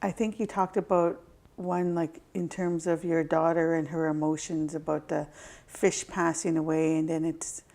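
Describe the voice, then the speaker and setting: A woman as an interview guest, answering gently and thoughtfully, pausing to find her words. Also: sits low, little pitch movement.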